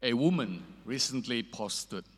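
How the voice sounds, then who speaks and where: Male pastor, mid-pitched, earnest and measured delivery, long cathedral echo on the voice. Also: animated, breathy edge. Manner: measured, earnest preaching with hesitant fillers. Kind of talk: sermon. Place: church sanctuary. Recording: echoey church hall reverb.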